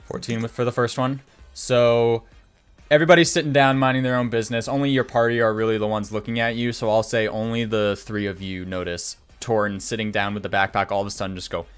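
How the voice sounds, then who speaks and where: A man's voice: fairly low pitch, fairly even intonation, brisk, clear, resonant tone, faint music behind. Patient man running a tabletop game. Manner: explains rules patiently, laughs easily. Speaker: game master.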